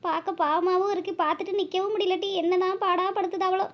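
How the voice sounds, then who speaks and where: Woman voicing a kind chatty cartoon neighbor, very high voice, quick talk. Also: steady tone. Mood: sympathetic. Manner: sympathetic, chatty.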